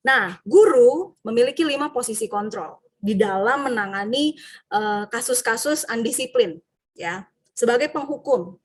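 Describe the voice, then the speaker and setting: A woman teacher from Indonesia, giving a lively workshop talk to fellow teachers and acting out student and teacher voices. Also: a little high, a little slow, breathy edge. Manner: frequent tag questions.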